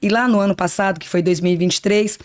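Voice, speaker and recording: A woman's voice: mid-range voice, steady tone, fast talker, no echo. Lady in her 50s, psychic on a podcast, thoughtful, keeps saying né, dead dry room. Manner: earnest, reflective, spiritual talk with frequent "né". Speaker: psychic guest. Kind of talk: podcast interview.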